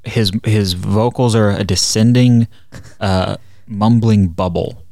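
Gravelly, joking podcast guy. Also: fairly low pitch, mellow, no room sound, studio quality. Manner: joking, profane, slow drawl on key words. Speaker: podcast co-host. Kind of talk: casual chat, album review.

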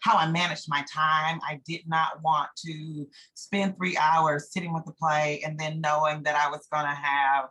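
A theatre director from North Carolina, an American woman, answers interview questions reflectively, halting as she searches for words. Her voice is low and flat in delivery, yet bright and forceful in tone.

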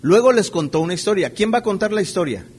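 A man's voice: sits high, animated, fast, darkish tone, slight background noise. A man preaching a conversational sermon, checking in with his listeners through rhetorical questions and playfully acting out everyday scenes. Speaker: pastor.

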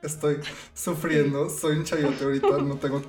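Young Mexican woman, low voice, dry self-mocking chat. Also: little pitch movement, normal speed, music in the background. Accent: Mexican Spanish. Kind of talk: casual chat.

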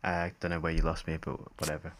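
Very low-voiced man on a video call. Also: level tone, quick pace, fairly bright tone. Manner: rambling, hesitant, laughs often. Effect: heard over a video call with a glitchy connection. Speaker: musician guest. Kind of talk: casual conversation.

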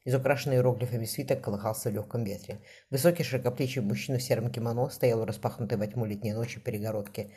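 A man narrating a novel at a rapid clip, his voice husky and breathy. The tone is dark and mellow, delivered as steady scripted narration. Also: mid-range voice. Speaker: audiobook reader.

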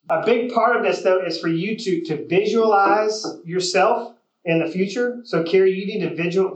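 A man's voice: on the high side, fairly bright tone. A man with a slightly raised voice runs a training session for real estate agents. He talks straight to the group and keeps asking them to agree with him. The room around him echoes. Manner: coaching, direct, asks the room for agreement.

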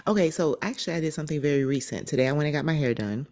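American female podcast co-host, deep register, plenty of vocal fry, chatty animated storyteller. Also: rapid-fire. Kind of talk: casual chat, anecdotes.

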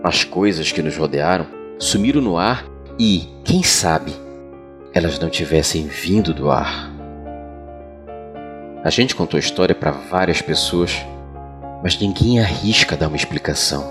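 A Brazilian man narrating as a podcast storyteller, with a sultry, deliberate, dramatic delivery of scripted horror tales. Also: deep voice. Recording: music bed behind voice. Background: background music.

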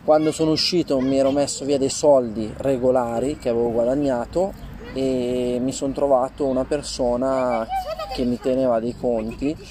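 A man giving informal, halting testimony as an interview guest outdoors, rephrasing as he goes, his voice slightly muffled by a face mask. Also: mid-range voice, fairly even intonation. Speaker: interview guest telling personal experience. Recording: faint outdoor ambient noise. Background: outdoor ambient noise.

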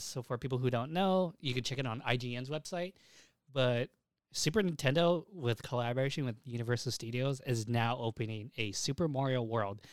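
A young man co-hosts a casual anime news podcast, rambling on and swearing freely. His voice is medium in pitch, recorded at studio quality with no room sound.

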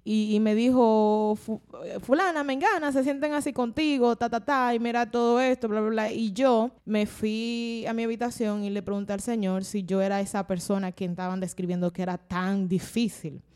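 A young Dominican woman talking openly on a faith podcast, animated and often laughing, slowing down when she turns reflective. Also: medium pitch, clear, resonant tone. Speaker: podcast guest. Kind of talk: casual faith-based podcast chat.

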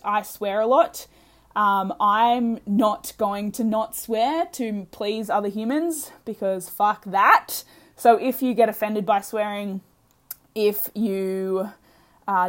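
Excitable Australian woman hosting a podcast. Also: mid-range voice. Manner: excitable, emphatic, freely swearing. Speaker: podcast host, health coach. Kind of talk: casual solo podcast talk to listeners.

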